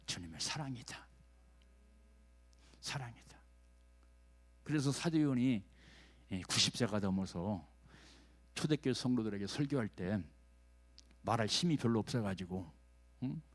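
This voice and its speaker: A man, a pastor preaching a sermon in a folksy manner, checking in with the congregation and swinging from loud urging to hushed lines. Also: on the low side, lively intonation, normal speed, vocal fry, long pauses.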